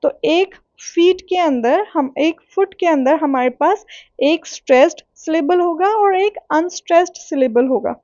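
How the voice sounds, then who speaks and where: A woman teaching literary terms in a patient, explaining way, repeating checks like "okay" and reading definitions slowly. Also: extremely high pitch, a little mellow, no room sound, dull audio. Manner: patient, repeats points with "ठीक है" and "okay"; reads English definitions slowly. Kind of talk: explaining lesson in Hindi-English mix.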